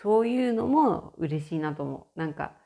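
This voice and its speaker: Chatty woman with a lively, lowish voice. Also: moderate pace. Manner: chatty, frequent laughter, animated shifts in tone. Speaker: podcast host. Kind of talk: casual solo audio chat.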